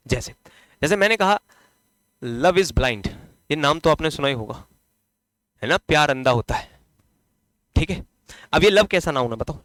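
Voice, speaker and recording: A man with a Hindi accent teaching English grammar in a classroom lecture, asking the class questions and answering them himself, drawing out key words slowly as he writes. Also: sits high, a bit bright, no echo. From India. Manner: stretches key words slowly while writing on the board.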